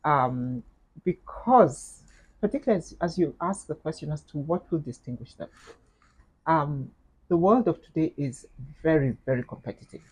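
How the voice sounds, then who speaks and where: A middle-aged woman with a Kenyan accent, speaking as an interview guest in a measured, thoughtful way, with frequent fillers and repeated words. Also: sits low, animated, darkish tone, breathy edge, rough recording. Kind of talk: reflective interview conversation.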